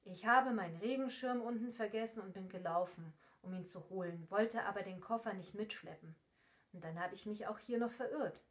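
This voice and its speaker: A woman's voice: mid-range voice, normal speed, lightly acted. Earnest young man, unsure; woman reader. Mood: flustered. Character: earnest young male emigrant.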